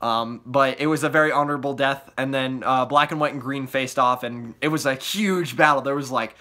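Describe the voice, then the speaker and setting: A young man excitedly recapping a trip in a casual vlog, rambling with many fillers and restarts, his voice a little worn from yelling. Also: mid-range voice, brisk. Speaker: vlogger.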